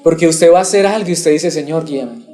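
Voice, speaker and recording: A man preaches a Bible sermon, asking his listeners questions and waiting for them to answer. His voice sits somewhat high but stays warm and mellow rather than bright. He sounds like a pastor teaching his church. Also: fairly even intonation, quick pace. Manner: asks the congregation questions and waits for replies. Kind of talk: expository sermon.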